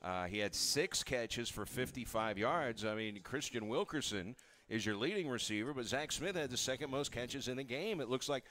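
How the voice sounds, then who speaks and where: A man's voice: medium pitch, expressive, normal speed, a bit bright, a little hiss or hum. A man hosting a sports interview show, eagerly recapping plays with stats before asking the coach questions.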